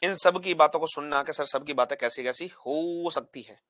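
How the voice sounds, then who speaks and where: A man with a slightly high, bright voice teaches physics in a dry, close-sounding recording. He fires questions at the class and answers them himself, repeating each key term. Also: moderate pace, dry recording. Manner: call-and-response questions, repeats key terms; animated, acts out particles pushing apart. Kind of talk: classroom lesson at a board.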